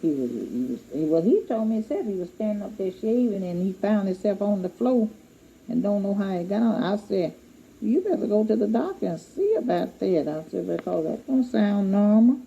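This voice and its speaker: A woman's voice: mid-range voice, expressive, moderate pace, vocal fry, warm tone, a little hiss or hum. An older woman telling a heartfelt, rambling family story in a casual way, acting out what people said. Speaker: interviewee recounting family memories. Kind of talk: casual spoken recollection. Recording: dull lo-fi archival recording.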